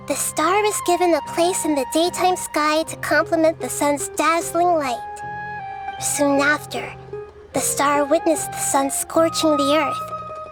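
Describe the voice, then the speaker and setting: A wise young girl sage in a video game. Her high voice is gentle, calm and measured like a storyteller's, with clear music playing behind it. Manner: measured, poetic.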